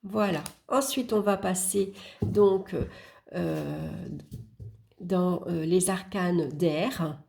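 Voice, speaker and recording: Female host, low gravelly tone, very slow casual deck walkthrough, murmured card names. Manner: unhurried, murmuring card names while flipping, with small hesitations; warm, admiring remarks about the artwork. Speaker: channel host presenting a tarot deck.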